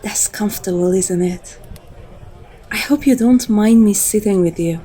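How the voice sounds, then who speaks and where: A female performer gives voice to a dominant vampire, her mid-range tone husky and dark, her pace measured and leisurely. Relaxed and teasing, she flirts and whispers intimate endearments that draw the listener in, as in an ASMR roleplay.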